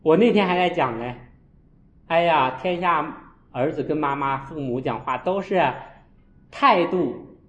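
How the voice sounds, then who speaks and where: A man, a Buddhist monk, giving a storytelling dharma talk and acting out his own scolding with sharp jumps in voice. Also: fairly high pitch, measured pace. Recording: echoey, dull lo-fi room.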